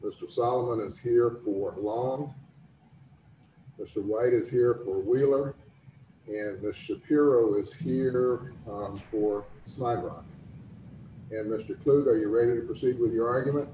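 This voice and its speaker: An older man presiding as a judge, making formal procedural announcements in a measured, courteous, orderly manner. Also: medium pitch, dark tone. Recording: roomy, distant mic with background noise.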